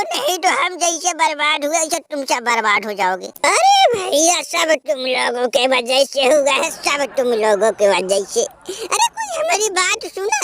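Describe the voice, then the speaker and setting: A man's voice: very high-pitched, exaggerated voice. A man voicing a self-pitying defeated male cricket rival who wails and half-laughs while crying, in a comedic dubbed sketch. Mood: complaining. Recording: noisy recording with clicks.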